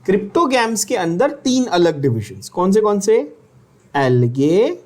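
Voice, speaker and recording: A man's voice: high voice, sing-song, slow pace, a little mellow. A man teaching biology for an exam, asking questions and having students repeat terms. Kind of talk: exam-prep lecture.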